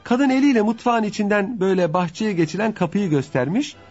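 Husky man telling folk jokes. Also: high-pitched, a little fast. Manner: lively telling, voices the dialogue. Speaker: storyteller. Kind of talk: reading humorous folk anecdotes. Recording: dull lo-fi with faint music.

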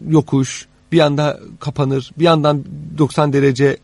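A man explaining history in conversation as an expert guest, haltingly, pausing mid-sentence and rephrasing as he goes. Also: a little high, flat delivery, darkish tone, no echo. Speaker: interviewed guest, expert on old Istanbul.

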